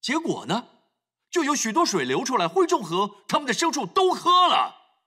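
A man's voice: extremely high pitch, wildly swooping pitch, moderate pace, sharp tone. A man preaching a sermon, emphatic, acting out scripture scenes as he talks.

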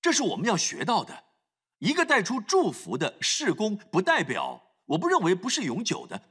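A man's voice: high voice, wildly swooping pitch, normal speed, sharp tone, husky. A man preaching a sermon, emphatic, acting out scripture scenes as he talks.

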